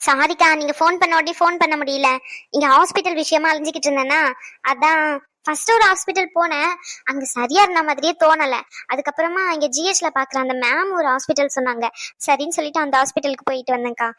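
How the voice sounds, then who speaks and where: A chatty young cartoon daughter-in-law , voiced by a woman, apologizes and explains on the phone. Her voice is very high, her talk eager and polite. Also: fast, bright, forceful tone, no echo. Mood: apologetic. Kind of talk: cartoon voice acting.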